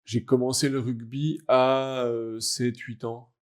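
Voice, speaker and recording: A young adult French man, a guest athlete in a casual interview, talking in a halting, reflective way as he searches for words. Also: mid-range voice, little pitch movement. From France. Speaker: guest, wheelchair rugby athlete.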